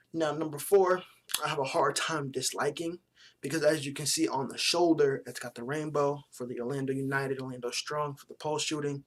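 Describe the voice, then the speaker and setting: Blunt, profane man rating basketball jerseys. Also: on the high side. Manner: blunt, profane, joking opinions; relaxed slangy talk. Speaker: sports vlogger. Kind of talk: casual jersey review vlog.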